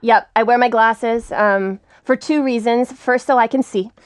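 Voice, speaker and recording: A woman's voice: on the high side, steady tone, measured pace, clear, resonant tone, no room sound. A young woman comedian as a guest in casual chat, chatty, full of "like" and "dude". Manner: chatty, lots of "like" and "dude", laughs easily.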